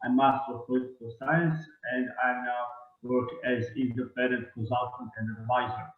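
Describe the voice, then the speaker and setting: A man's voice: medium pitch, little pitch movement, normal speed. A man from Croatia with a Croatian accent, asking formal questions as an audience member. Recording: tinny, echoey call from far off mic.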